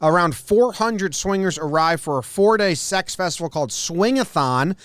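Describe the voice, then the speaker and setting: A man's voice: sits high, lively intonation, fairly bright tone, clear, resonant tone, no echo. A young man co-hosting a podcast, joking and laughing as he reads out odd news stories. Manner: quick, joking, laughs often. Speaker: podcast co-host. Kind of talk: casual comedic banter.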